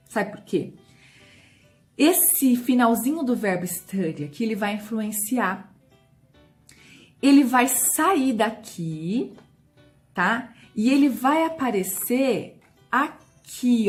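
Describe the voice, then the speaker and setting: A woman with a Brazilian Portuguese accent teaching English grammar, slowing right down to model the English phrases and checking in often with short asides to the viewer. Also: fairly high pitch. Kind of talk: explaining a grammar lesson.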